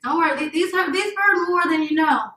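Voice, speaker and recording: A woman's voice: very high-pitched, a little fast, bright, forceful tone. A woman trainer talking through an at-home workout in casual chat, upbeat and laughing often. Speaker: fitness trainer guest. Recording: echoey room.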